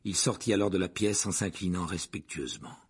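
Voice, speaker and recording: A man reading a story aloud as an audiobook narrator, with an expressive, varied delivery. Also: low voice, a little fast, slightly rough.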